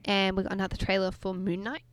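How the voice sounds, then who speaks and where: A woman co-hosting a film podcast, chatting casually and gushing excitedly, rambling with fillers and apologizing for ranting. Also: medium pitch, quick pace, clear, resonant tone, dry recording. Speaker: podcast co-host.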